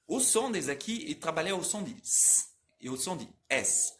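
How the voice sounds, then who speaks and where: A man's voice: a little high, big pitch swings, moderate pace, a bit bright, a little hiss or hum. A young man from France with a French accent, teaching a live online lesson, greeting viewers by name and drilling tongue twisters with exaggerated articulation. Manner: reads and answers viewers' comments. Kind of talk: live-streamed language lesson.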